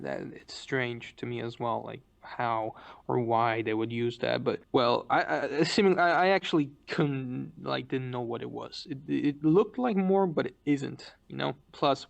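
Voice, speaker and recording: A man with a heavily gravelly, fry-laden voice tells a casual story. He rambles and swears freely, restarting his sentences often, at an ordinary pitch. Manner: rambling, profane, with frequent restarts.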